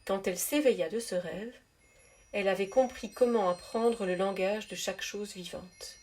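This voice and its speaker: A woman reading a spiritual story aloud in a soft, measured, gentle narrating voice. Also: mid-range voice. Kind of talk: calm read-aloud storytelling.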